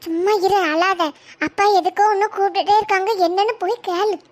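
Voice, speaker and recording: Gentle cartoon mother voiced by a creator, soothing and scolding softly, voice pitched very high. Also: fairly even intonation, fairly quick. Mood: motherly. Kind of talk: animated cartoon dialogue. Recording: pitch-modulated with audio tools.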